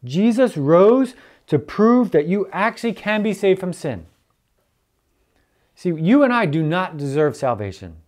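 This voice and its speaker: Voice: medium pitch, sing-song, measured pace, a little mellow. A church elder preaching earnestly and stressing key points by repeating them. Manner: earnest, emphatic repetition.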